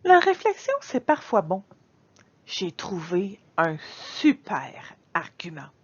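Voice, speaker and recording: Woman reading a kids picture book, really dramatic and expressive, slow and lively, muffled lo-fi sound. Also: on the low side, breathy edge. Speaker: storybook reader.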